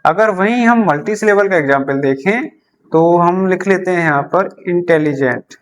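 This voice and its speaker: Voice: mid-range voice, moderate pace. A teacher gives a beginner English lesson explained in Hindi, repeating key terms and answering their own questions while writing examples on a board.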